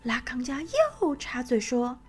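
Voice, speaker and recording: A woman's voice: high-pitched, big pitch swings, unhurried, breathy edge. A woman narrating a children's story in a sing-song manner, speaking to young listeners. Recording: faint background music.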